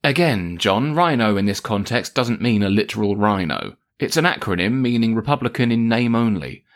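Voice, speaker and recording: A man's voice: on the low side, expressive, normal speed. A man presenting satirical news as anchor, dry and exasperated with his guests.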